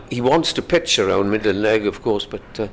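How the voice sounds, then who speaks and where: Gravelly, low-voiced male cricket commentator. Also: animated, normal speed. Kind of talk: live cricket commentary, conversational.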